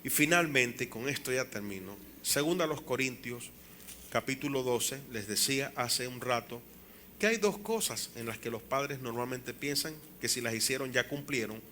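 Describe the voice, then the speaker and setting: Bright-voiced preaching pastor in his fifties. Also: mid-range voice, normal speed, slight background noise. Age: 50s. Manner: animated preaching with acted quotes and rhetorical questions. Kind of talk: sermon. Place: church.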